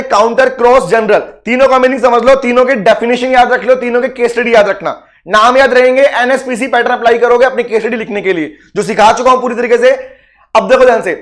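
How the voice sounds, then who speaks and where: A man teaches law in a high voice. He runs a rapid, insistent exam revision and keeps repeating the key points. He mixes Hindi and as he goes. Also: fairly bright tone. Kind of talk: live online exam revision lecture.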